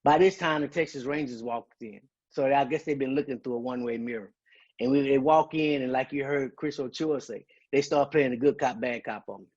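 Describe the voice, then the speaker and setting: A man's voice: mid-range voice, fairly quick, darkish tone, highs cut off. A man giving an emotional personal testimony as a guest speaker, telling his story with earnest conviction. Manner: earnest, emotional, quotes dialogue.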